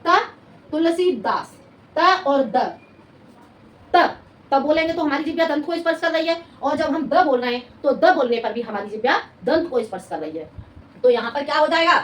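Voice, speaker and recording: A woman teaching a Hindi grammar class, repeating words slowly as she dictates notes and asking her students rhetorical questions. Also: high voice, expressive. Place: coaching classroom. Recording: echoey room, mic at a distance, faint noise.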